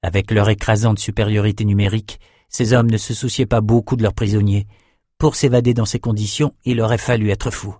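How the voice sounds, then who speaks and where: A man narrating a novel in a steady, measured audiobook reading. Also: on the low side, no echo, clean studio sound.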